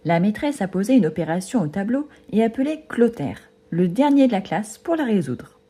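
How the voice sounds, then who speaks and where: Lively, mellow-voiced woman storyteller. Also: medium pitch, normal speed, breathy edge. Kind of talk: storybook reading.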